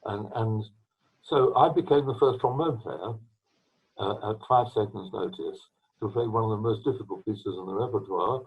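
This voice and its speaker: Older man, husky and breathy, rambling storyteller; tinny video-call sound. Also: on the low side. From England. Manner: rambling, halting anecdotes with restarts and throat-clearing. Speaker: retired trombonist, interviewee. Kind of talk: storytelling interview. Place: at home.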